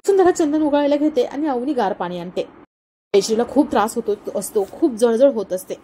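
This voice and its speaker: Mellow woman retelling a TV serial. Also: a little high, expressive, brisk, a little hiss or hum. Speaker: storyteller. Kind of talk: serial episode narration.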